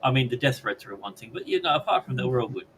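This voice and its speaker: A man's voice: medium pitch, very fast, noisy background. Crude, joking Australian man hosting. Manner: crude joking, deadpan asides. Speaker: podcast host. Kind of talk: casual live-stream chat, reading chat messages.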